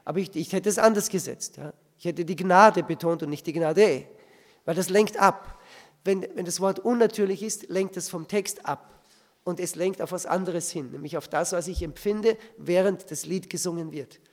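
Speaking at a moderate pace in a high voice, a male preacher delivers a church teaching. His words echo around a reverberant hall as he keeps asking the audience rhetorical questions.

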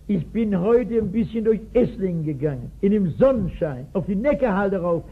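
On a tinny 1960s recording, a pastor in his sixties tells a Bible story during a sermon. His voice is high, husky and expressive at normal speed, and he delivers the story emphatically, often asking his listeners questions.

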